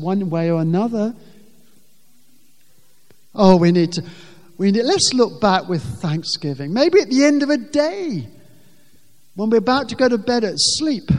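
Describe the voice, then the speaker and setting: A man preaching a sermon, emphatic and repeating his words for stress. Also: high-pitched. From England. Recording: long reverb of a large hall.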